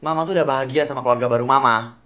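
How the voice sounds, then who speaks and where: A man's voice: mid-range voice, racing, fairly bright tone, dull audio, close to an everyday voice. A man voicing a mother who rejects the son she left behind, dismissive and scornful. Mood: cold. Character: cold mother who left her son for a new family.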